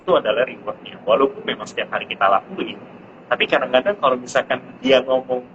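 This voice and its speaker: A man in his thirties, a parent sharing parenting tips in a casual live-stream chat, who jumps into a high pitch to mimic his child. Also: fast talker. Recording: muffled live-stream audio with background noise.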